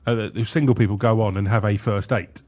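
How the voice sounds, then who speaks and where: A man's voice: lowish voice, fairly even intonation, brisk, darkish tone. A man co-hosting a radio show, chatting casually and telling stories in a hesitant, rambling way. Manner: rambling, hesitant storytelling with restarts and put-on voices. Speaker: radio co-host. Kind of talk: casual banter. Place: radio studio.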